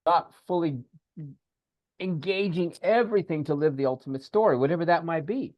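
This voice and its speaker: A man co-hosting a casual podcast, talking in an animated, repetitive way and coaching a listener through a guided breathing exercise over a video call. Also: fairly high pitch, moderate pace, no echo, muffled recording. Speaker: podcast co-host, spiritual teacher.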